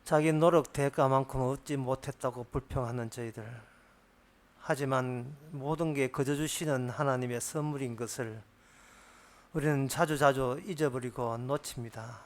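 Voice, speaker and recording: A male pastor leading his congregation in an earnest, hushed prayer that trails off at the ends of phrases during a church service. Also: medium pitch, steady tone, normal speed.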